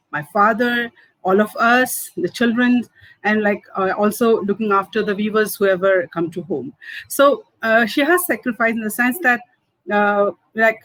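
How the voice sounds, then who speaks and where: A Manipuri food entrepreneur in her fifties, from Manipur, India, recalls her personal story in interview answers, speaking at a medium pitch. Her first languages are Hindi and Manipuri, and she speaks haltingly with many fillers and soft laughs. The recording is dry and of poor audio quality.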